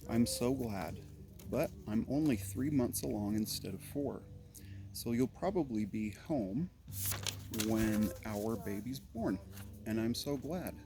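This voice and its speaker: A man's voice: mid-range voice, animated, slow, music in the background. An older man reading his parents' old letters aloud, earnestly, with amused comments in between. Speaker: family letter reader.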